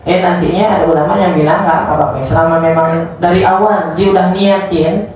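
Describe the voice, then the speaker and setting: A woman's voice: on the low side, fairly even intonation, a little fast, a little mellow, a little hiss or hum. Joking woman teaching in an echoey hall. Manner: joking, acts out little dialogues. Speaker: religious teacher. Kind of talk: casual religious study lesson. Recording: echoey room, distant mic, faint ambience.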